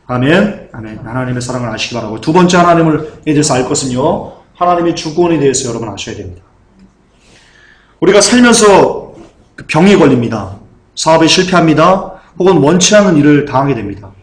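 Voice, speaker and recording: A male pastor delivers a fervent sermon in a high voice. He swings widely in pitch and keeps firing questions at the congregation. The sound carries through an echoey church hall. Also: expressive, a little fast.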